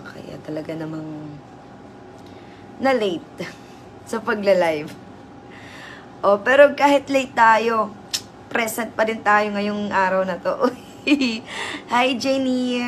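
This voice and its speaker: A hoarse woman hosting a casual livestream, chatty and teasing as she greets viewers. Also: fairly high pitch, a little hiss or hum. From Southern Leyte, Philippines. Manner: chatty, teasing, laughs often. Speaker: livestream host.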